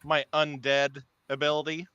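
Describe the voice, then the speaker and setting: A man playing a tabletop game online, quick and self-deprecating. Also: on the high side, monotone, pushed and bright, clear, resonant tone, no room sound, dull audio. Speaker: player. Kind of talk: casual game chat.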